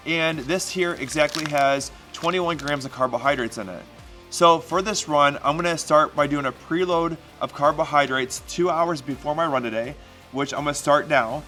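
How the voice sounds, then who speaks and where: A man explains his routine in a casual fitness vlog style. His voice is bright and forceful, pitched slightly high, with faint music behind it. He is instructive and often checks that listeners follow. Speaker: fitness vlogger.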